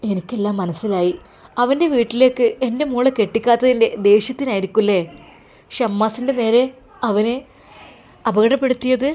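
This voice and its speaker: A woman's voice: fairly high pitch, normal speed, long pauses, mellow, lightly acted. A woman voicing a loving, emotional older father who comforts his daughter in an earnest, pleading way. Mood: worried.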